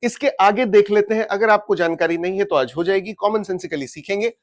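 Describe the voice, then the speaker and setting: A man's voice: high-pitched, fairly quick. A man with an Indian accent teaching an exam prep lecture, explaining step by step, asking rhetorical questions and mixing Hindi with English. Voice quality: switches between Hindi and English mid-sentence. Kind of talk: recorded class lecture.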